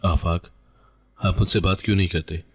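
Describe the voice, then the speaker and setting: A man's voice: low voice, flat delivery, moderate pace, husky. A man voicing a desperate young wife who pleads and cries out. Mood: pleading. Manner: pleading, crying out.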